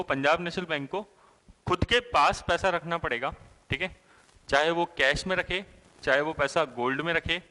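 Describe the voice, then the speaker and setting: A man's voice: a little high, pushed and bright. Man teaching an exam-prep class in a reverberant room. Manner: asks questions and answers them himself; explanatory, with frequent "thik hai" and "hai na" checks.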